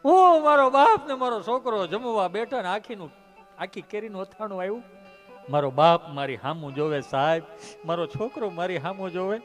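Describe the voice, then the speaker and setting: Animated comedian spinning a story. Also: male voice, high-pitched, moderate pace, faint music behind. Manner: animated, addresses audience as "saheb". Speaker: stand-up comedian. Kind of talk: comic storytelling on stage.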